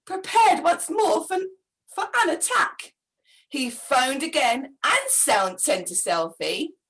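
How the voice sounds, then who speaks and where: A woman reads a rhyming story aloud slowly and dramatically. Her high voice swoops widely as she acts out every moment. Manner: dramatic, expressive, with gasps.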